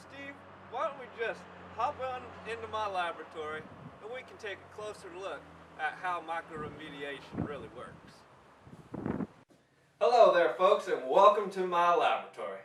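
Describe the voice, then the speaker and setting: A man's voice: a little high, lively intonation, moderate pace, noisy background, lightly acted. A young man playing a cheerful, homespun male mushroom scientist who lectures folks and kids in an amateur news parody. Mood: folksy. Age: young adult. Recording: roomy, distant from mic.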